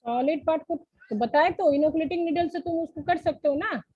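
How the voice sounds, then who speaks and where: A woman's voice: sits high, brisk, warm tone, no room sound, muffled recording. A woman teacher giving a lesson in an online class, explaining step by step and often asking the students whether they follow. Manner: explains step by step, asks checking questions.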